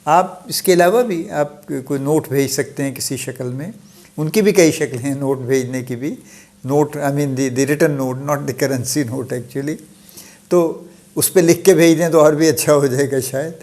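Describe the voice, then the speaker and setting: A middle-aged man gives a solo talk in a casual lecture manner. His voice sits somewhat high for a man, and he mixes English phrases into his explanations with easy, unhurried asides. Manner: conversational, mixes English phrases, soft chuckles, restarts. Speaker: host giving a solo talk. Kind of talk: informal lecture-style talk.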